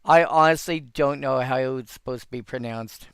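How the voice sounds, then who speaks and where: A man's voice: medium pitch, moderate pace, fairly bright tone, smooth, no room sound, studio quality. A man hosting a casual solo commentary on old game cards, thinking aloud and rambling with frequent restarts.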